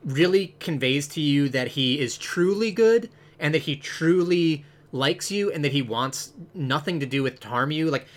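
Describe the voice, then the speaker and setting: A man's voice: fairly high pitch, lively intonation, moderate pace, few pauses. A man chatting casually about a video game, rambling and full of "like" fillers, with the odd swear.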